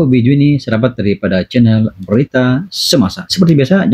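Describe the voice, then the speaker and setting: A man's voice: mid-range voice, a little mellow, slightly rough. A man hosting a reaction channel, addressing viewers in a formal presenting style. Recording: slightly dull sound with music behind.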